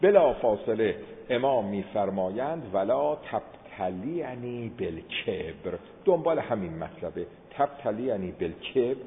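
A man preaching a sermon as he tells a story, swinging between quiet asides and loud exclamations. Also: medium pitch. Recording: tinny phone-like sound with long hall reverb.

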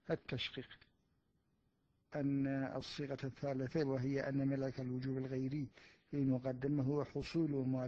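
Man lecturing slowly on religious law. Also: fairly high pitch, dark tone. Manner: deliberate, with pauses and self-corrections. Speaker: seminary teacher. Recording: muffled dry recording.

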